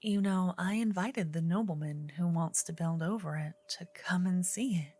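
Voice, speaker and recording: A woman playing a gentle, earnest druid in an ASMR role-play, her soft female voice slipping between breathy soft voice and low murmur. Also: dry recording. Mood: wistful, earnest. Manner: slow, gentle, intimate female voice with pauses. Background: soft medieval ambience and music.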